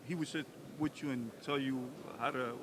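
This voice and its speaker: Guy doing a casual interview, middle pitch voice, pretty noisy ambience around him. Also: fairly even intonation, normal speed. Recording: clearly noisy on-location ambience.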